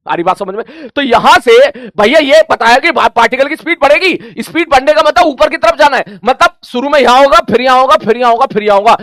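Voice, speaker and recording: A man's voice: extremely high pitch, fairly bright tone, no echo, clean studio sound. A man teaching a physics coaching class, chatty and familiar, voicing his students' questions and answering them himself. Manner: addresses students familiarly as brother and child; counts aloud slowly to explain.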